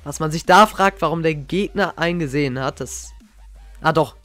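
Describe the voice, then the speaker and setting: A young man talks over old gaming clips in an excitable, slang-heavy way, looking back fondly. His voice sits a little higher than most men's. Faint game music plays quietly behind him. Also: moderate pace, no echo. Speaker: gaming YouTuber. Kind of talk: casual reaction commentary.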